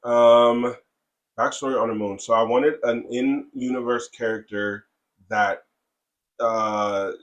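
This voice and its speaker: A man co-hosting a casual podcast, talking in halting stretches with many fillers and restarts. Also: mid-range voice, steady tone, a bit bright. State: has the hiccups. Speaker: comic creator and co-host.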